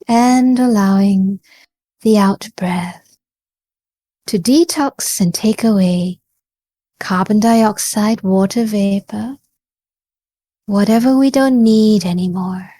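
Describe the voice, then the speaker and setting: At a very unhurried pace, a woman leads a guided body scan meditation in a soft-edged, mellow, medium-pitched voice. The recording is close and dry with no echo. She speaks gently and calmly, pausing between short phrases to encourage the listener.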